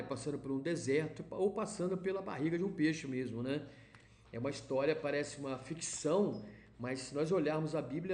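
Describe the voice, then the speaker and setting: A man's voice: a little high, mellow. Brazilian man teaching Bible, echoey room. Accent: Brazilian Portuguese. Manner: conversational, many fillers and restarts. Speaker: church podcast host. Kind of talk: casual Bible teaching talk.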